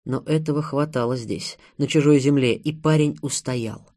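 A man narrating an audiobook in a measured, dramatic reading. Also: medium pitch, mellow. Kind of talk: scripted narration.

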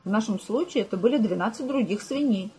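A patient, dry middle-aged detective, as read by a woman narrator, his lines close to her own reading voice. The sound is mellow and a little husky, with no strong put-on. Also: fairly high pitch, expressive, fast talker. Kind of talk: audiobook character voice.

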